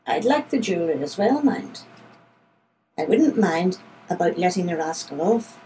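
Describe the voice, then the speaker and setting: A woman voicing an imperious, impatient upper-class landowner, brusque and demanding, raised in pitch and volume over her narrating voice. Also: sing-song, normal speed, dark tone, a little hiss or hum, rough recording.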